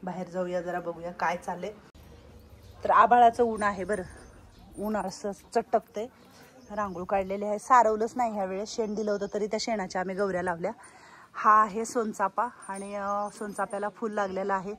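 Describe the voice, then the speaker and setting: A woman giving a casual walk-around vlog of an old age home she runs, chatting and loudly coaxing the residents. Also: mid-range voice, steady tone, normal speed, a little hiss or hum.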